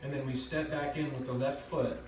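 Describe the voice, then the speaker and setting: Man teaching tai chi, calm measured cues, mid voice, far off in a really echoey room, music clearly playing. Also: medium pitch. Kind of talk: step-by-step spoken movement instruction.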